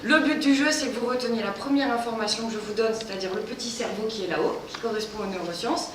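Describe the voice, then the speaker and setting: A woman gives a humorous, animated short pitch about herself as a new doctor. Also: fast talker. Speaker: doctoral contest speaker. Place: large lecture hall. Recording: echoey hall, distant mic, background noise.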